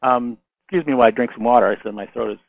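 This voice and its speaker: A marketing consultant losing his voice talks very fast in a gravelly, mid-range voice with fairly even intonation, giving a casual lesson to camera. He keeps restarting, uses many fillers, and frequently checks in with "right?" and "okay?" The low-quality recording has no room sound.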